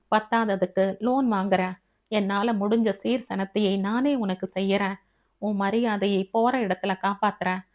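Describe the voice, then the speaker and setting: A woman reading as a steady young man who reassures his elder sister and teases her gently. It is an audiobook figure at an everyday middle pitch. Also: lightly acted.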